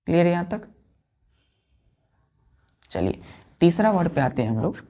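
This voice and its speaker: Teaching vocabulary, a woman spells words one letter at a time, counts out loud, and repeats each item while checking her students understand. Her voice is fairly low and warm, moving at a moderate pace with big swings in pitch.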